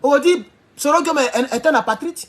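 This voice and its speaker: A man giving a heated political monologue, hammering rhetorical questions and sometimes shouting. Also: very high-pitched, brisk. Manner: emphatic, repeats rhetorical questions, bursts into shouting. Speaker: political commentator.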